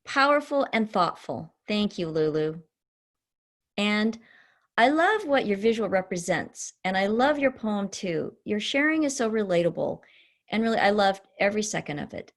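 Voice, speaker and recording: Hosting a session of a student symposium over a video call, a woman offers casual encouragement and lavish, gushing compliments. She speaks at a moderate pace with a medium pitch and lively intonation.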